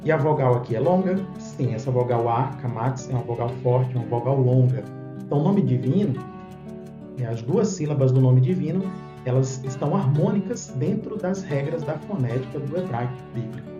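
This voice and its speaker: A man's voice: medium pitch, animated, normal speed. A man explaining a lesson, patient and methodical, checking in with listeners as he goes. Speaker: Bible teacher. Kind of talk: explanatory lesson on Hebrew phonetics. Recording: roomy, dull sound with faint guitar music.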